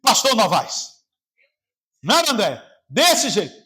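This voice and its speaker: A man with a Brazilian Portuguese accent, preaching a sermon as pastor, swinging between shouting and a quiet, lowered voice. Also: wildly swooping pitch, unhurried. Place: church service.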